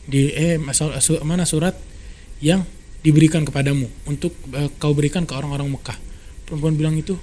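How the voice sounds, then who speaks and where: A man tells a story in a relaxed podcast conversation. His speech is fast and animated, and his voice sits a little high. Faint ambience hums under the recording. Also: slight background noise. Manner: brisk, animated retelling with quoted dialogue. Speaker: storyteller guest.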